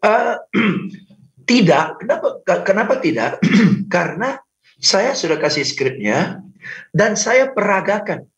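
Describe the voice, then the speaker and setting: A man's voice: sits high, big pitch swings, takes it slowly, a bit bright. Roomy, distant man explaining training. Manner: demonstrative, repeats phrases, mixes in English. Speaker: sales and public speaking trainer, guest. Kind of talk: radio interview, explaining. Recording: roomy, distant, slightly dull sound.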